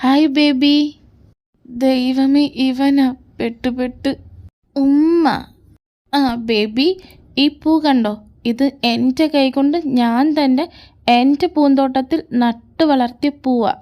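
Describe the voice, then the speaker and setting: A woman's voice: sits high, steady tone, slow, dark tone. A woman voicing all the characters in a fan fiction audio drama, moving between arguing, teasing and pleading voices. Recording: faint background music.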